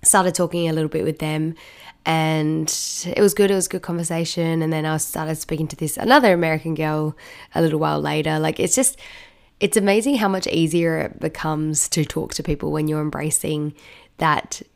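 A woman podcast host speaks in a low, croaky frog voice, hoarse from a bad cold and cough. She talks casually and informally, as if chatting straight to her listeners. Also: fairly even intonation, fairly quick. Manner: chatty, informal, many "like" asides. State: sick with a croupy cough. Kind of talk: casual solo podcast talk.

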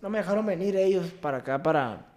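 A man's voice: sits high, lively intonation, a little mellow. Young Mexican man telling a story. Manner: emotional, halting retelling with many restarts. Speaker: guest, baseball player. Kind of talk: casual interview storytelling.

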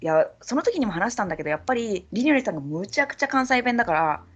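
A woman from Saga with a Kyushu dialect, hosting a podcast in casual chat and quickly chiming in agreement. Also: on the high side, sing-song, breathy edge, lo-fi sound. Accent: Kyushu dialect, Chikugo-tinged. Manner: chatty, quick agreeing interjections. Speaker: podcast host.

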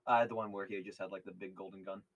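A man's voice: low-pitched, fairly even intonation, highs cut off. A young man co-hosting a podcast, telling chatty stories in casual talk. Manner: quick, chatty, nostalgic storytelling. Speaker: podcast co-host. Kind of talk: casual chat.

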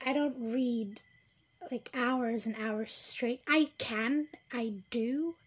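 A woman's voice: fairly high pitch, steady tone, slow pace. A young woman hosting her own podcast, chatting casually and rambling in a self-deprecating way, sometimes dropping to a whisper. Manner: rambling, self-deprecating, drifting between whispers and louder bursts. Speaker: podcast host. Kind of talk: casual solo podcast chat.

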